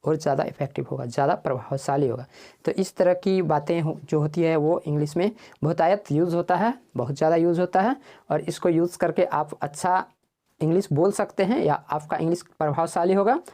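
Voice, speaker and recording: Male English teacher, mellow voice, drills phrases slowly and quizzes the class, answering his own questions. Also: fairly high pitch. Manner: asks the class questions and answers them himself. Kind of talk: spoken English lesson in Hindi.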